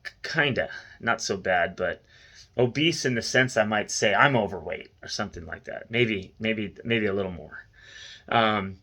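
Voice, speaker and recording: A man's voice: fairly low pitch, moderate pace, pushed and bright. A middle-aged man chatting casually and earnestly to his viewers, in a rambling, conversational way as a vlog host. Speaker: host of a music reaction vlog.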